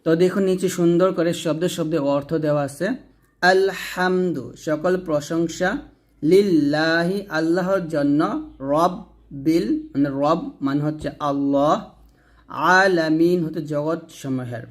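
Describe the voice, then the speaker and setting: A man teaching recitation, spelling out words letter by letter and drawing the syllables out, then explaining rules more briskly. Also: fairly high pitch, fairly even intonation. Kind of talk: slow spelled-out recitation lesson.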